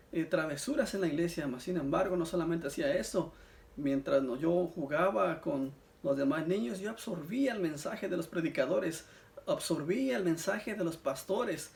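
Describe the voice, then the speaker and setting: A Mexican man with a Mexican Spanish accent earnestly shares his personal religious testimony, addressing his listeners as brothers. His voice is on the high side, creaky and darkish in tone.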